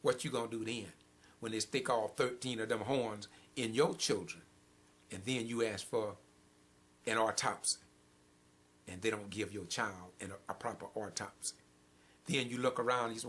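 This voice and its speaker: A man's voice: fairly low pitch, steady tone, normal speed, fairly bright tone. An older man hosting a program, giving impassioned, preachy commentary that rises and falls in intensity. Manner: preachy, emphatic, rising and falling intensity. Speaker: program host.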